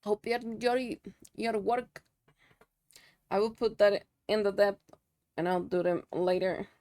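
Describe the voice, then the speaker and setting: This young woman, a native Spanish speaker, works through a live stream with casual chat, thanking viewers and muttering to herself. Her mid-range voice is slow and mellow, with no echo.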